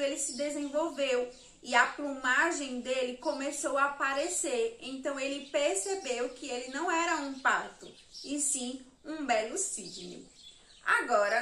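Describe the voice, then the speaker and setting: A woman's voice: high voice, sharp tone. A woman with a Sergipe Brazilian accent teaching a remote lesson to young children, patiently counting and spelling words aloud. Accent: Sergipe Brazilian Portuguese. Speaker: primary school teacher. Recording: echoey room, voice a bit far from the mic.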